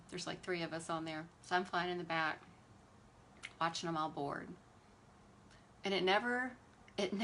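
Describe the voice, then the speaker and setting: Bright, sassy woman. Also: fairly low pitch, slight background noise. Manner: animated, exasperated storytelling with sass. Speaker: beauty livestream host. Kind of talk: casual livestream chat while doing makeup.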